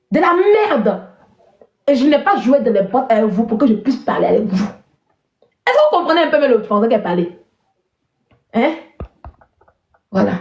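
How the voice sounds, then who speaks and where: Woman streamer, high lively voice, mocking and scornful, roomy dull lo-fi audio. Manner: mocking, scornful, repeats herself. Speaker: live stream host. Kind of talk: insulting live-stream chat.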